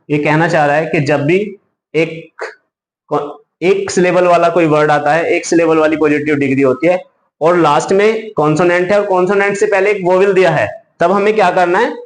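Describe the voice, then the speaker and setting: A male teacher giving a grammar lesson, spelling words out letter by letter and answering his own questions. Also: fairly high pitch. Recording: echoey room, faint background hum.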